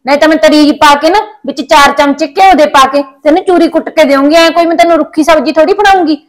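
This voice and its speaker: An actress playing a quick-tongued village wife and daughter-in-law in a family drama, speaking in a rapid, complaining, chatty way. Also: female voice, high-pitched, dry recording, close to an everyday voice.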